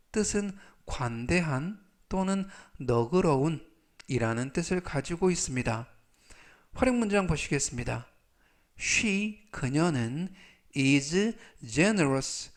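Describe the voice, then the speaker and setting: A man teaching English vocabulary in a scripted lesson, speaking. He reads each English word slowly, repeats it, and then explains its meaning. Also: on the high side.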